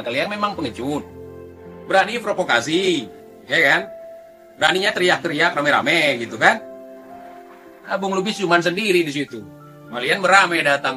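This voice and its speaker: A man's voice: a little high, animated, normal speed, bright, forceful tone, soft background music. A man giving mocking commentary, scornful and taunting, speaking straight to the people he criticizes. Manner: scornful, taunting, addresses listeners directly.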